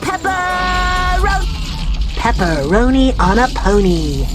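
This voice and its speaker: Pepper, a high, cocky kid skateboarder. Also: female voice, sing-song, slow, full character voice. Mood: exuberant. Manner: breezy, exclamatory slang. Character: cocky, carefree young skateboarder boy, Pepper. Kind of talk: cartoonish video game character acting. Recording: loud music over game dialogue.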